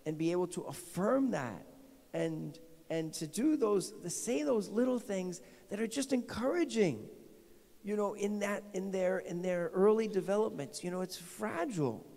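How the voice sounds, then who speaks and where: The church's long reverb follows every word of this middle-aged pastor, whose New Jersey accent colors a slightly high yet mellow, gravelly voice. Holding a mic in a large decorated sanctuary, he gives a conversational homily in an informal manner. He keeps restarting and asking his congregation questions.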